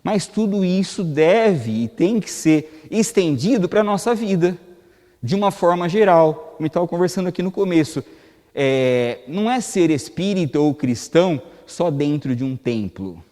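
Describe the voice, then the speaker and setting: In an echoing hall at a spiritist center, a Brazilian man with a Brazilian Portuguese accent gives a talk. His voice sits a little high and sounds mellow, with lively intonation at normal speed, and he chats with the audience through rhetorical questions.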